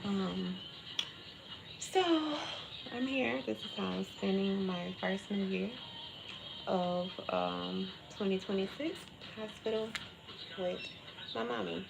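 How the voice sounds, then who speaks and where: A woman's voice: mid-range voice, slow pace, long pauses. A woman chatting casually and candidly on a livestream from a hospital room, with everyday slang. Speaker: livestream host. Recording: clear beeping alarm noise, hospital room. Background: beeping medical pump alarm.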